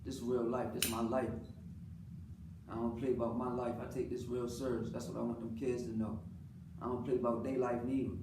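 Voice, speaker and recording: Fairly quick and flat in delivery, a medium-pitched American father talks off the cuff about his life. His earnest, colloquial monologue is casual and unscripted, full of phrases repeated for emphasis. A distant mic gives it a roomy sound with clearly noisy surroundings.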